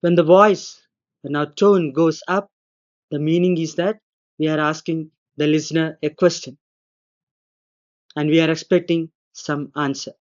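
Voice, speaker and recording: A man, a lecturer giving a recorded grammar lesson, explaining slowly and deliberately and acting out the intonation of his examples. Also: on the high side, steady tone, muffled recording. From India. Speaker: English lecturer.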